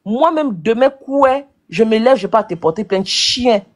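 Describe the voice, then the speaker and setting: A woman's voice: on the high side, animated, moderate pace. A woman in a heated online rant, hurling insults and repeating her accusations. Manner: insulting, combative, repetitive name-calling. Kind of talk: angry live-video rant.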